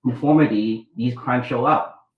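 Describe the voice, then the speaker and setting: Speaking a little slowly in a mid-range voice, this middle-aged doctor and author from Vietnam recounts his life as an interview guest. His telling wanders, with frequent restarts and acted-out dialogue, and the audio is muffled and reverberant.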